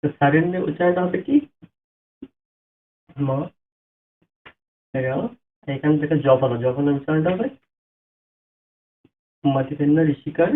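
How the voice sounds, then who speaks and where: A man teaching how to pronounce a devotional Sanskrit mantra, breaking words down slowly syllable by syllable and chanting examples. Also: fairly high pitch. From Bangladesh. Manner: slow, careful syllable-by-syllable explanation. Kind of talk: spoken lesson with chanted examples. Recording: tinny phone-like audio.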